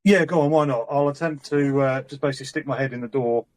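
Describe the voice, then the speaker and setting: Man as a hesitant player, mid-pitched everyday voice. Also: fast. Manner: hesitant, checking the rules. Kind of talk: casual tabletop play.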